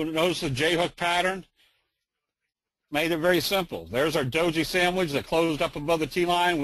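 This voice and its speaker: A man's voice: on the high side, fairly bright tone, no echo, rough recording. A man giving a casual, joking trading lesson in a webinar, full of fillers. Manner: folksy, joking, many fillers. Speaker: trading instructor.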